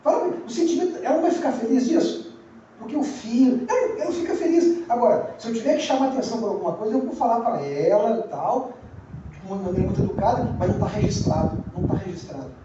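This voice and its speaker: A man's voice: very high voice, lively intonation, fast, dark tone, slight background noise. A man with a Brazilian Portuguese accent, preaching a sermon as pastor in a conversational way, repeating phrases and asking the congregation questions. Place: church sanctuary. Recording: very echoey, distant, dull church recording.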